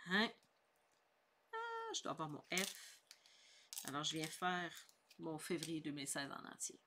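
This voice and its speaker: With a deep voice that swings hugely in pitch, a middle-aged Québécois French woman teaches scrapbooking in a casual, cheerful way, walking through every step. She speaks a little slowly with a sharp tone, over a little hiss or hum.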